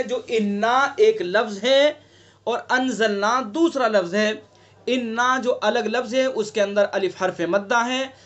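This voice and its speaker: High-voiced man teaching recitation online. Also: fairly bright tone, muffled recording. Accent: Delhi Urdu. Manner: explains patiently, asks students questions, demonstrates drawn-out recitation. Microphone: online class call.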